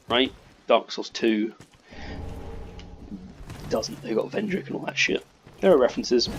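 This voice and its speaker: Rambling, swearing man gaming over background noise. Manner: swearing, digressive, shouts at enemies in high-pitched bursts. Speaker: gamer commentating his playthrough. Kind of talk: casual rambling gameplay commentary.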